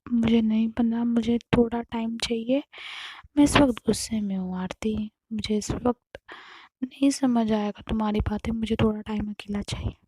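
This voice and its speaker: A woman's voice: a little high, little pitch movement, moderate pace, darkish tone, breathy edge, no room sound. A woman storyteller voicing a hurt, betrayed young woman who talks in a broken half-whisper. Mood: pleading.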